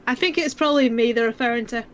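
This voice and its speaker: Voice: medium pitch, fast, a bit bright, lo-fi sound, a little hiss or hum. A podcast co-host in casual chat, asking meandering, offhand questions.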